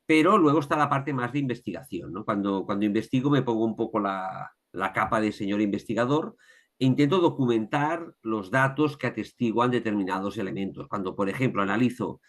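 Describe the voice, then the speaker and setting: A man's voice: fairly low pitch, lively intonation, a little fast. A man with a Catalan accent, an author talking through his research in a casual interview, thoughtful and full of restarts and tag questions. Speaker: author, guest.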